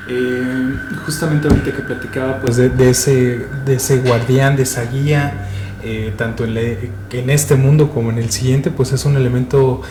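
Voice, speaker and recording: A man with a Mexican accent, chatting on a paranormal talk show, full of fillers and restarts. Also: mid-range voice. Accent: Mexican Spanish. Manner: hesitant, many fillers and restarts. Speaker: podcast co-host. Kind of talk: casual panel chat. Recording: echoey room with faint noise.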